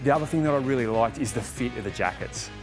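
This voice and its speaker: A fast-talking man with a medium-pitched voice and lively intonation presents to camera for a motorcycle magazine. His delivery is enthusiastic and conversational, with music playing underneath.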